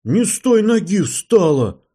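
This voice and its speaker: A man reading an audiobook and voicing a hot-tempered male gnome mechanic who shouts and swears, in a husky voice. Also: mid-range voice, very animated, slow, heavily acted. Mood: shouting.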